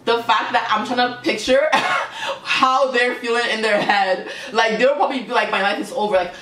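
A woman's voice: on the high side, normal speed, a bit bright. A Canadian woman hosting a reaction video, chatting casually to viewers while exclaiming and laughing, easily startled. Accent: Canadian English. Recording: roomy echo from a distance.

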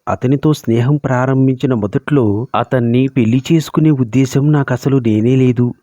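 A man's voice: medium pitch, normal speed, warm tone, no echo, natural voice. A man voicing a proud, scheming young woman who talks coolly and sarcastically. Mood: coolly defiant. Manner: cool, sarcastic, self-assured. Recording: dull lo-fi recording.

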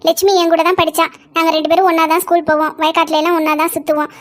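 A woman voicing a fierce, protective village mother-in-law who scolds fast in a cartoon. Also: very high voice, little pitch movement, fairly bright tone. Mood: scolding. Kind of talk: cartoon voice acting.

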